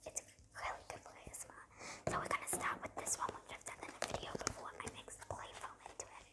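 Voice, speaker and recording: A woman doing a quick, breathy, unvoiced whispered role-play as an ASMR presenter. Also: bright, forceful tone, lightly acted. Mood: hushed.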